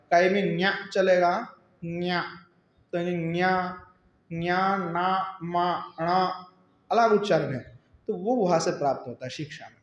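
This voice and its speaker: A man giving a religious teaching discourse, explaining step by step, posing questions and answering them himself, and slowly sounding out syllables to show pronunciation. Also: high-pitched, a little mellow. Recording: roomy, dull-sounding recording.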